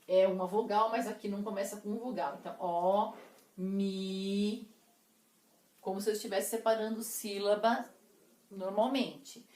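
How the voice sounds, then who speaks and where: A woman teacher explaining poetic meter to her class, counting syllables slowly and deliberately. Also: mid-range voice, steady tone, a little mellow. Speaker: literature teacher. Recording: echoey room.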